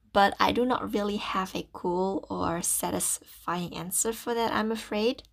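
Girl in her early 20s doing a casual podcast, lots of vocal fry, kinda awkward and rambly, phone in a closet w towel over head. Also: fairly low pitch. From Netherlands. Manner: self-conscious, rambling, self-deprecating. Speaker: podcast host. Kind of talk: casual solo podcast chat.

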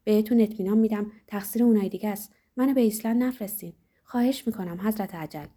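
A woman reading the part of a panicked young man who begs in a fast, frantic, tearful way. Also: mid-range voice, very animated, warm tone. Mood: frantic pleading.

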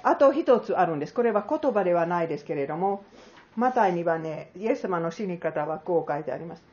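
A woman with a lowish voice preaches earnestly, often asking questions of her listeners. Her pitch rises and falls in a lively way. The recording sounds dull and lo-fi. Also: fast. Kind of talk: sermon with closing prayer.

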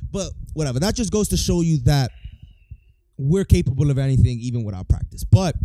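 A man's voice: a little high, warm tone, a little hiss or hum. A man hosting a live stream, chatting casually and boasting about his guest. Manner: hyping up his guest, conversational.

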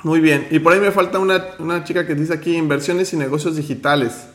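A man's voice: on the high side, fairly even intonation, quick pace, a bit bright, echoey room. A man hosting an online finance workshop, teaching with motivation and firmly running roll call. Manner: firm, direct, gives instructions.

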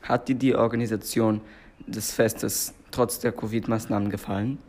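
A man hosting a school survey, reading out his questions in a plain, measured way. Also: on the low side, steady tone, darkish tone.

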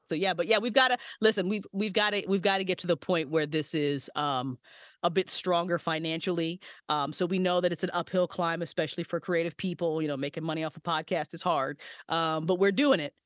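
A woman's voice: fairly low pitch, fairly quick, no room sound, studio quality. A woman in her forties, a podcast co-creator, chatting casually as a guest, swearing freely and laughing often. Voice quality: profane, animated, laughing often. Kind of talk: casual chat.

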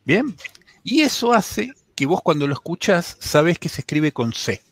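An Argentine man with a Buenos Aires Spanish accent contributes to a radio show's tech segment, chatting casually and explaining things at length with many restarts. His voice is a little high and very animated at a moderate pace, and the recording is dry.

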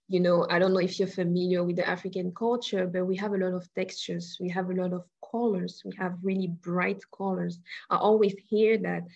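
A woman's voice: lowish voice, creaky, lo-fi sound. A woman from Cameroon, an interior designer, talking in a casual interview and searching thoughtfully for her words.

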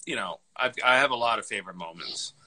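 A man's voice: fairly low pitch, lively intonation, fast talker, sharp tone, slightly rough, poor audio. A man co-hosting a podcast, chatting casually about a film, rambling with lots of fillers and laughing often, tired from lost sleep. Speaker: podcast co-host. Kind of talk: casual movie chat.

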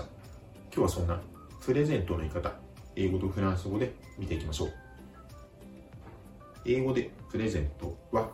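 A man teaching a vocabulary lesson, speaking calmly and slowly repeating each word with careful pronunciation. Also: on the low side, roomy sound, far from the mic. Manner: slow, careful pronunciation drills. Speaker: language teacher.

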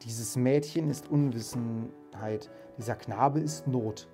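A man's voice: mid-range voice, slow pace, music in the background. A man reading aloud, voicing a solemn, sorrowful Christmas spirit in a raised, grave tone. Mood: accusing.

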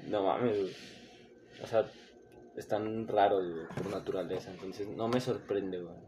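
A man's voice: on the low side, normal speed, noisy background. A man with a Mexican accent in casual chat, crude and joking, heavy on slang. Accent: Mexican Spanish. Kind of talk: casual chat about anime.

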